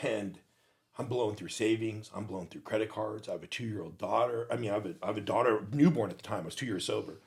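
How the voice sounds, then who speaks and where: A middle-aged man, a podcast guest, telling his recovery story in casual talk, animated and laughing often. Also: fairly low pitch, fast talker, creaky.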